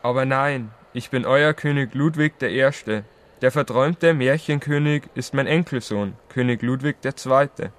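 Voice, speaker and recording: A man's voice: medium pitch, a little slow, lightly acted. Man playing a grumpy, pompous old king. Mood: grumpy, indignant. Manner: grumbling and pompous, looking down on the young. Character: grumpy, proud old King Ludwig the First of Bavaria. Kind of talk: educational audio drama.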